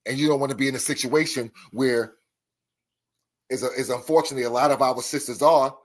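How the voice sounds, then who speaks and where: A man's voice: medium pitch, fairly even intonation, brisk. A man hosting a live chat stream, talking emphatically and often repeating himself. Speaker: host.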